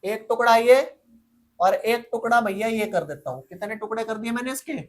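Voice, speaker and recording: A male teacher with a high-pitched voice gives a casual chemistry lecture at a moderate pace. He quizzes the class over and over, then answers himself in a slangy, teasing way.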